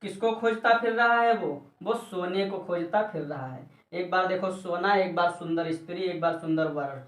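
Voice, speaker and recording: A man's voice: high voice, fairly bright tone. A man teaching exam-prep grammar, explaining patiently through repeated examples and calling his students brother and dear children. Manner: sometimes sings example lines slowly. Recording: echoey room, voice from a distance.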